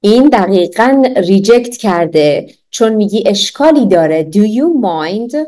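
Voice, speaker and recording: A woman teaching an online English lesson, drilling phrases for repetition, slowing down to model them clearly and laughing often. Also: mid-range voice, animated, mellow.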